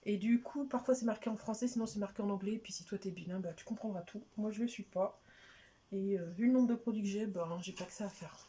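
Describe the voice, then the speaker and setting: The speaker is a beauty vlogger who talks fast in a mellow, medium-pitched voice while opening beauty products. Her casual talk meanders, she keeps interrupting herself, and sometimes she lowers her voice to almost a whisper.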